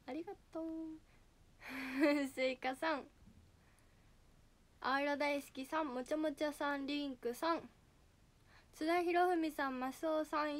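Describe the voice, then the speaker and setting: A teenage girl idol with a slightly nasal voice, chatting casually on a livestream and reading out viewer names. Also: high voice. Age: teens. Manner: reads out viewer names, bright greetings.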